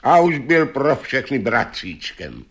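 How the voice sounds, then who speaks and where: A man reading a fairy tale aloud as storyteller, with lively, shifting delivery. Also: medium pitch.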